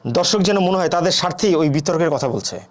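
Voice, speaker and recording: A man's voice: on the high side, expressive, fast talker. A man teaching a debate class, who often asks the students a question and answers it himself, with frequent "thik ache" and "ah" fillers. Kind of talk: classroom lecture.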